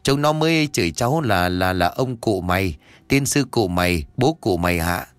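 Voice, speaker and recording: A man voicing a cheeky, flattering young male ghost who talks politely and pleadingly to an elder. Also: sits low, moderate pace, no echo. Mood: fawning.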